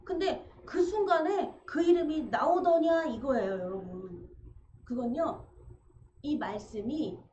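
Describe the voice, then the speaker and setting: A woman's voice: sits high, slow pace. A woman pastor preaching a sermon in a church, acting out cries and quotes and laughing through a story. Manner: animated, acts out cries and quotes, laughs as she tells a story. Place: church sanctuary. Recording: echoey church room, slightly dull sound with faint noise.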